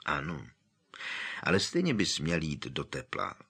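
A man voicing a calm young woman who soothes an angry boy. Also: mid-range voice, slightly rough, voice pushed up, exaggerated voice.

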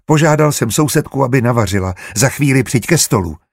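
A man's voice: medium pitch, animated, gravelly, breathy edge, dry recording, studio quality, pitched above the performer's own voice. A man voicing a short-tempered widowed brother in an audiobook, speaking curtly with a raised voice.

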